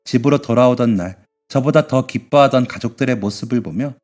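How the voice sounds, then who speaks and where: A man with a medium-pitched voice narrates a scripted first-person story in an even, measured manner. Faint music plays in the background.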